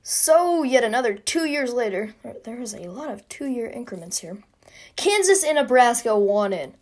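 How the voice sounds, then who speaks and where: A woman's voice: a little high, big pitch swings, normal speed, darkish tone. A young woman narrating a sarcastic comic history explainer, recorded on a phone. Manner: sarcastic, playful. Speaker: video creator.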